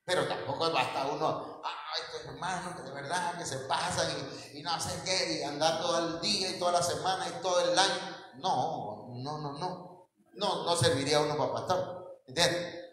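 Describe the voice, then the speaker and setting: A male pastor preaching in a high voice, telling the story and checking that his listeners follow. His voice rings through a large, very reverberant church hall with a long echo. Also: moderate pace, fairly bright tone, a little hiss or hum. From Mexico. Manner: storytelling, asks the congregation questions, chuckles at his own slips. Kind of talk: sermon.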